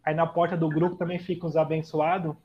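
Man with a higher voice, telling a story. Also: quick pace. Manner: animated, acts out quoted dialogue, frequent tag questions. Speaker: podcast guest in recovery. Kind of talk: casual storytelling. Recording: dull lo-fi audio with faint noise.

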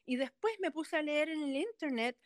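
A woman's voice: high voice, lively intonation, normal speed, no room sound, clean studio sound. A woman with in a casual interview, speaking hesitantly and searching for words. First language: not a native Spanish speaker. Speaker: interviewee, Airbnb host.

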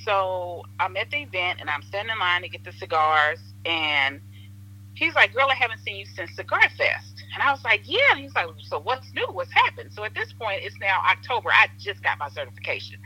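Podcast guest: animated woman, bright and husky, tinny phone sound, lively storyteller. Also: medium pitch, fairly quick. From Southern Illinois, USA. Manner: animated storyteller, acts out quotes, laughs often. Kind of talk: casual chat.

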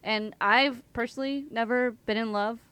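A woman of twenty-two in a casual book-club chat, thoughtful and soft-spoken. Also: fairly high pitch, fairly even intonation, normal speed, clear, resonant tone.

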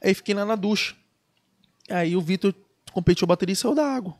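A man's voice: sits high, fairly quick. A Brazilian man, a guest surfer on a podcast, telling a story in casual, slangy speech and acting out the dialogue. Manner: animated, slangy, acts out quoted dialogue.

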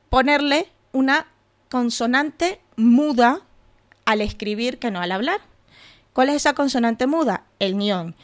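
A woman hosting a podcast, explaining step by step in a casual way with asides and rhetorical questions. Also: a little high. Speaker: podcast host.

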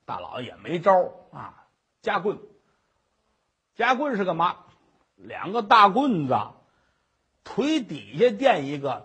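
A man's voice: high voice, bright, forceful tone, husky. A male storyteller performing a traditional tale with vivid, dramatic narration and asides to the audience.

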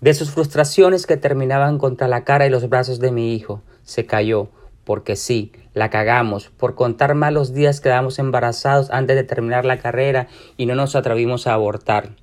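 A man's voice: medium pitch, steady tone, moderate pace. A man with a Mexican accent reading a short story aloud in a casual, slangy first-person voice. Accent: Mexican Spanish. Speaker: reader.

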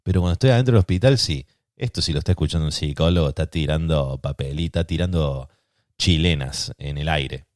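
Low-voiced Argentine man telling a story. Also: brisk, no room sound, clean studio sound. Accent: Rioplatense Spanish. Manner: self-deprecating, animated storytelling. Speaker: podcast host. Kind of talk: personal anecdote monologue.

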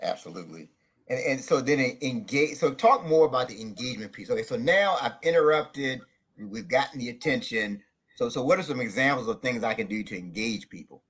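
A man's voice: mid-range voice, lively intonation, fairly quick, fairly bright tone, slightly rough. A man hosting an interview, affirming his guest and asking questions with frequent restarts and repeated words.

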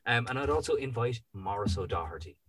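A podcast host with a mid-range, slightly bright voice talks fast and expressively. He chats in an easygoing, rambling way, dropping plenty of ums as he wraps up with a sign-off.

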